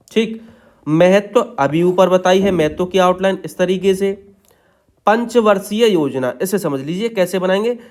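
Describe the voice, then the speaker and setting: Male shorthand tutor, high voice, patient, walks through each word step by step. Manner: patient, repeats "ठीक है" after each point. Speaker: shorthand teacher.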